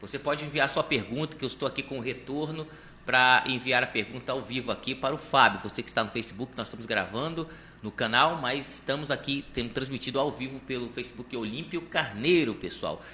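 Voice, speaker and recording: A man's voice: mid-range voice, fairly quick, bright, forceful tone, a little hiss or hum. A man hosting a live podcast, reading sponsor lines and speaking straight to his viewers in an upbeat, promotional way. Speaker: podcast host.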